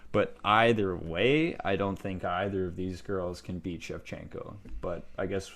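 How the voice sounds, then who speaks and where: Excitable low-voiced man chatting. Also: measured pace. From Canada. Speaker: podcast co-host. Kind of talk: casual sports chat.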